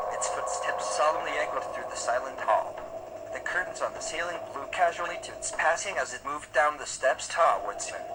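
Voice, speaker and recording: A man's text-to-speech voice reading a scripted first-person story as a narrator. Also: fairly high pitch. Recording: loud noise behind the voice.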